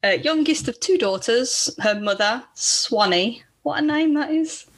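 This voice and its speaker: A woman's voice: sits high, lively intonation, measured pace. A woman hosting a true-crime podcast, telling the case in a casual, blunt way and swearing freely. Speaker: podcast host.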